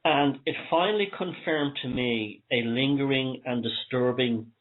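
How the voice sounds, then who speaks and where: A man's voice: mid-range voice, unhurried. Wheezy Irish man on a phone-like line. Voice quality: wheezy, short of breath. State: asthma flare-up. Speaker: talk show host. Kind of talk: rambling opinionated monologue. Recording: thin phone-like sound.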